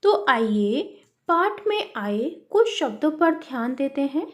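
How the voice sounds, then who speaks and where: High-voiced teacher talking to children. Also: female voice, very animated, slow pace. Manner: addresses the children warmly as "beta", asks and answers her own questions. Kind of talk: worksheet lesson for children.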